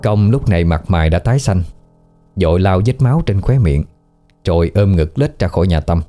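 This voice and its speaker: A man narrating a ghost story in a steady, even storytelling manner. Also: deep voice, moderate pace, faint music behind.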